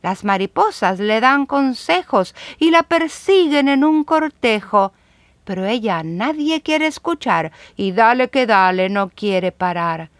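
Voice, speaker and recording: A woman reading children's poems aloud in a measured, rhythmic recitation. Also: fairly high pitch, animated, dry recording. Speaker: reader.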